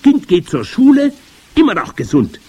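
A man voicing a commanding, evil old witch queen in a storybook reading, with shrill, gloating, theatrical speech. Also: huge pitch swings, moderate pace, darkish tone, breathy edge, muffled recording, exaggerated voice. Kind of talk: audiobook character voice.

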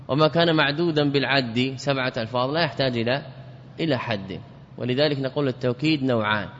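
A man's voice: mid-range voice, a little hiss or hum. Man teaching grammar, echoing and lo-fi. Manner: explains by repeating words and asking himself questions. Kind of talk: classical lecture. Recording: dull lo-fi audio with reverb.

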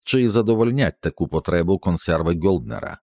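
A man's voice: deep voice, a little fast, darkish tone, dry recording, studio quality. A man voicing a practical naval officer who asks pointed questions, in an audiobook. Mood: questioning. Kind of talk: audiobook character reading.

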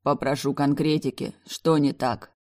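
A woman's voice: very deep voice, level tone, measured pace, a little mellow. A woman reading an audiobook, voicing a haughty, sneering, domineering man in his dialogue. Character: arrogant mocking adult man, domineering bodyguard type. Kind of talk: audiobook character voice.

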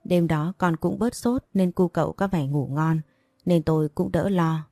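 A woman narrating a first-person audiobook story in a measured, even reading. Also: lowish voice, no echo.

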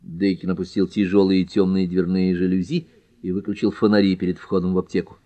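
Low-voiced male audiobook narrator. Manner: measured, expressive reading. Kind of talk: scripted narration of a detective novel.

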